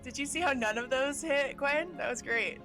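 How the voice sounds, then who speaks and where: A woman with a bright, forward voice on the high side banters casually as a tabletop game player. Soft music sits behind her. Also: moderate pace.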